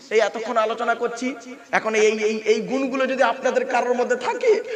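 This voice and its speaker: A man preaching a sermon to a large gathering, animated, dropping to a hush and then rising loud, reciting Arabic verses. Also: high-pitched. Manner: animated, swings between loud and hushed, quotes Arabic verses. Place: large outdoor religious gathering. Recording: long reverb with crowd behind.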